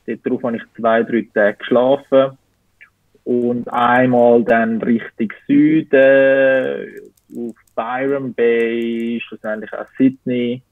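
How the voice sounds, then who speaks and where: Speaking slowly in a level tone at medium pitch, this interview guest is a man in his twenties from Switzerland with a Zurich Swiss German accent. He hunts for words while answering questions. The recording is dry but sounds tinny, like a phone call.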